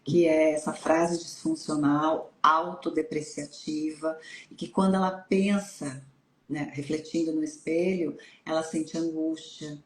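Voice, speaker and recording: A Brazilian woman psychologist calmly explaining in a live stream conversation. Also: low-pitched, unhurried, echoey room. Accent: Brazilian Portuguese.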